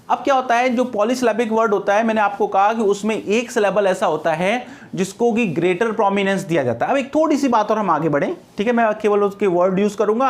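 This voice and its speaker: A male teacher giving a classroom lecture on English phonetics. He mixes English terms into his explanation, repeats key terms and answers his own questions. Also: sits high.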